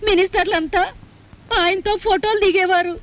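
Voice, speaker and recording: A woman's voice: very high-pitched, fairly even intonation, moderate pace. An actress playing a middle-aged wife who scolds sharply and turns tearful and pleading over her absent husband. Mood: boastful, tearful. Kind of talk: Telugu film melodrama.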